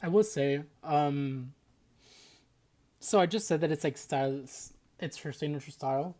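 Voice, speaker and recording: A man's voice: a little high, unhurried, a little mellow, faint music behind. A man reviewing an album in a casual reaction video, chatty and enthusiastic, with lots of "like" fillers.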